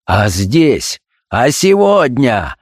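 A man's voice: mid-range voice, big pitch swings, extremely slow, in a large hall, full character voice. Man playing a distraught, anguished doctor. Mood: agitated. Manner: agitated, near tears, shouting. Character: distraught middle-aged doctor and father, anguished.

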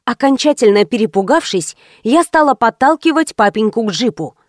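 A woman narrating an audiobook in the first person, with lively, ironic storytelling. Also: fairly high pitch, normal speed, dry recording, clean studio sound.

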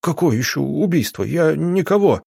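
A man's voice: mid-range voice, expressive, moderate pace, a little mellow, husky, no echo, studio quality. A man voicing a terrified young detainee who pleads for his life, his voice rising in panic. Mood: pleading.

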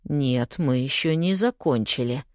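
A woman's voice: very deep voice, measured pace, a little mellow, no room sound, studio quality, voice pushed down. A woman reading an audiobook, voicing an angry, pushy young man who growls and snaps his lines. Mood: menacing. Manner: gruff, growling.

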